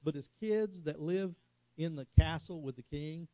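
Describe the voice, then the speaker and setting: A man's voice: a little high, a little slow, mellow, no room sound. A middle-aged man preaching a sermon in a conversational way, telling stories and asking the congregation for an amen. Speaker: pastor.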